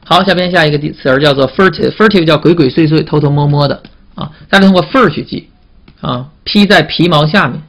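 A man's voice: a little high, a bit bright. Male vocabulary teacher, repetitive questioning. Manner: repetitive, drawn-out "啊" fillers and call-and-response questions. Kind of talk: classroom vocabulary lecture.

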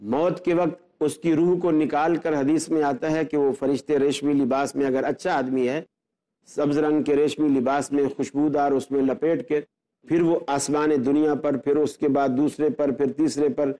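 A man's voice: a little high, flat delivery, moderate pace, dark tone. A man, an Islamic scholar, explaining religious belief earnestly and building his points with rhetorical questions. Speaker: Islamic scholar and guest speaker.

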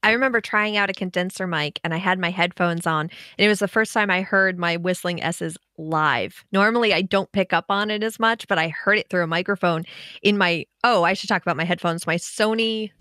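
A woman with a crisp, bright voice and a noticeable whistle on her S's. She talks casually and animatedly, like a podcast guest telling stories about her work. The sound is very dry, with no room around it. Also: fairly low pitch, fairly quick, no room sound. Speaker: podcast guest, audio editor. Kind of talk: casual podcast interview chat. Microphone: dynamic mic angled from the side with pop filter and windscreen, online call.

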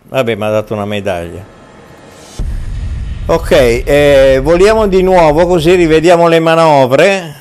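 Slow, hesitant gameplay host. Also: male voice, fairly high pitch, a little mellow, clean tone, faint music behind. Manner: hesitant, halting with many fillers. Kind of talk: casual gameplay commentary. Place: at home.

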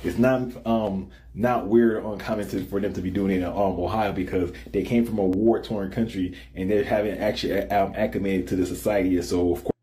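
Low, mellow young man from Haiti. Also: fairly even intonation, brisk, few pauses, slight background noise. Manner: plain, hesitant with ums. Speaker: interviewed commentator in a clip. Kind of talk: casual opinion talk. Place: small room indoors.

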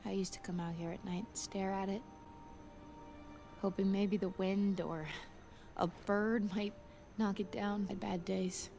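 An actress playing a tough, protective, streetwise teenage older sister in an animated series. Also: female voice, medium pitch, a little slow, creaky, long pauses. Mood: wistful. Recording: music under a played clip.

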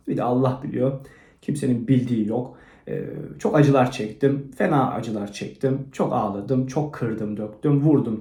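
A man hosting his own channel, rambling through a crude, self-mocking monologue that swings from low mumbling to loud rants. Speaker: channel host. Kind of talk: rambling motivational vlog monologue. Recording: roomy echo.

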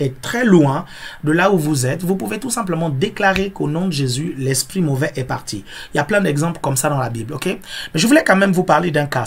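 A man's voice: on the high side, vocal fry. A male pastor preaching a teaching sermon, repeating key phrases and checking that listeners understand.

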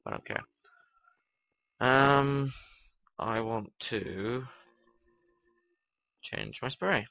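Gravelly young man rambling over gameplay. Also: medium pitch, drawn-out words, pushed and bright, no room sound. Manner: rambling, wry and offhand. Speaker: gaming video host. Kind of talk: casual gameplay commentary.

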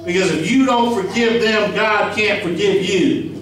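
A middle-aged pastor with a high, slightly slow voice preaches into a handheld mic in a small church sanctuary, speaking emphatically and conversationally and putting questions to the congregation. Crowd noise can be heard, and the audio is echoey, captured by a distant camera.

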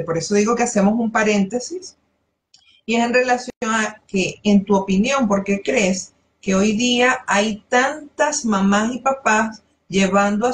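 A woman hosting an interview, asking measured, courteous questions and often murmuring assent. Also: fairly high pitch, slight background noise. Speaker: interview host.

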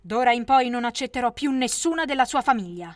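A stern middle-aged headmistress from an animated storybook, as a woman narrator plays her. She speaks firmly and formally in a fairly high voice. The sound is dry and close. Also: brisk, no room sound, close to an everyday voice. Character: stern middle-aged female school principal.

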